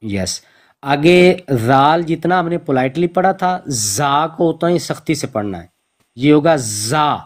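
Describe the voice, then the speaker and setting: A man teaching Quran recitation over an online call, speaking slowly and patiently and repeating each letter sound to demonstrate it. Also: a little high, animated. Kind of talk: online pronunciation lesson.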